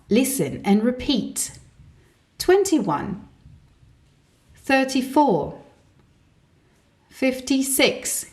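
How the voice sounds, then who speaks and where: Slow, very deliberate woman teaching English. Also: mid-range voice, a little mellow. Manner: slow and carefully enunciated, modelling words to repeat. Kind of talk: slow, deliberate language lesson.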